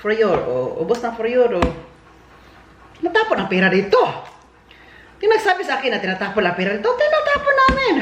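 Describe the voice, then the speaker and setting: A woman's voice: on the high side, sing-song, fairly quick, pauses often, muffled recording, noisy background. A woman from the Philippines chatting casually to her viewers in a home vlog, often laughing and dropping English words into her talk. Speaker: vlogger. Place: home in Germany, indoors and outdoors.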